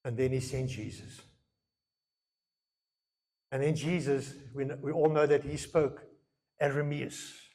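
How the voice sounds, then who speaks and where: A man's voice: medium pitch, steady tone, a little slow, long pauses, dark tone. A man preaching a sermon as pastor, earnest, moving between Afrikaans and English and repeating phrases for emphasis.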